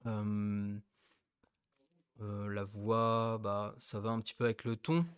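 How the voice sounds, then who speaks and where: A man with a somewhat low voice explains things in a hesitant way, pausing often and laughing easily. The sound is dry, with no room echo. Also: monotone, smooth. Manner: hesitant, full of fillers and restarts, laughs easily. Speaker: co-host of a company webinar. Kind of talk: casual webinar chat.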